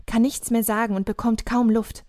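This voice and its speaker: A woman reading an audiobook, voicing a husband who is a doctor, earnest and measured. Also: fairly high pitch, little pitch movement, darkish tone, lightly acted. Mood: urgent. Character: husband and doctor, shaken but steady.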